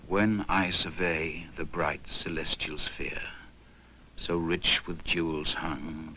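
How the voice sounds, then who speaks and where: A man solemnly reciting old devotional verse in a grave, deliberate manner. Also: deep voice, a bit bright, a little hiss or hum, poor audio. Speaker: reader of verse.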